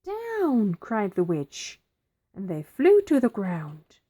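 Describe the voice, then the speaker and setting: A woman reading a children's picture book aloud, with expressive, dramatic pauses. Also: mid-range voice. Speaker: storybook reader.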